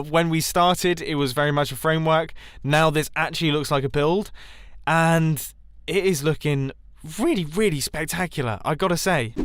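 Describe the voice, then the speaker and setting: A man chats through his gameplay in a casual, upbeat way. His voice sits a bit high for a man, and he often laughs and trips over his own words. The commentary is loose and rambling. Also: fairly bright tone, no echo, studio quality. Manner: chatty and enthusiastic, laughs often; rambling with frequent restarts. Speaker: gaming YouTuber.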